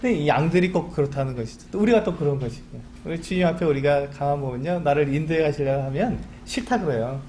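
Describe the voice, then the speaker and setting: A man's voice: fairly high pitch, quick pace, few pauses, dark tone, slight background noise. A man preaching a Sunday sermon as pastor, asking rhetorical questions and acting out little pleas in a chatty way. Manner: acts out quoted pleas to God. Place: church sanctuary.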